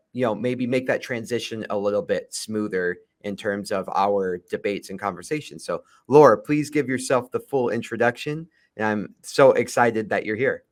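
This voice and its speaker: A man opens and guides a casual podcast interview. He sounds upbeat and a little rambling, filling his pauses with short words. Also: mid-range voice. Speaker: podcast host.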